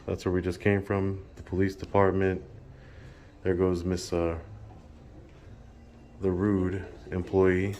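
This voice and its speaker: A man's voice: low voice, monotone, slow, pauses often, warm tone. A talkative man recording public officials, making his case in casual, insistent conversation and often repeating himself. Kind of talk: casual confrontational chat.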